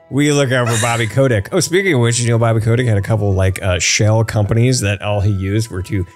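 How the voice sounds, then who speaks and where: A man's voice: lowish voice, brisk, soft background music. A man hosting a casual podcast, rambling through news and laughing at his own jokes. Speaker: podcast host.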